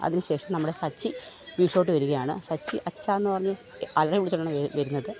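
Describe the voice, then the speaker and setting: A storyteller from Kerala races through the plot of a TV serial episode in a conversational way and acts out each character's lines. The pace is very brisk, and the tone is mellow and dark. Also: mid-range voice. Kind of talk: fast retelling of a TV serial episode.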